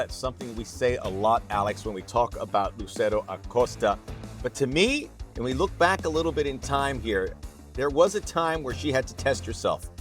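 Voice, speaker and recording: A man's voice: medium pitch, fairly bright tone. A man hosting a sports show, commentating on fights with punchy promotional phrasing over music. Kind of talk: MMA broadcast commentary. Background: music bed.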